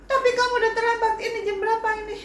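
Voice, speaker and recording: A woman voicing a harsh, short-tempered mother eel who scolds and shouts in a storybook tale. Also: very high voice, little pitch movement, racing, reverberant, slight background noise, voice pushed up. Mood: scolding.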